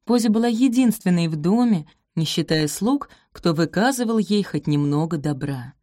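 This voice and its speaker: A woman narrating a romance novel in an even, measured reading. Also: lowish voice, no echo, clean studio sound. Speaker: audiobook narrator. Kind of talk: scripted narration.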